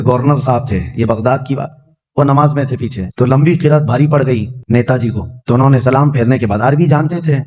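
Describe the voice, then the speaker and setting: A man preaching a Ramadan night sermon, telling stories and chanting scripture verses in a slow, drawn-out way. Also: medium pitch, darkish tone, highs cut off. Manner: storytelling, chants Quranic verses slowly.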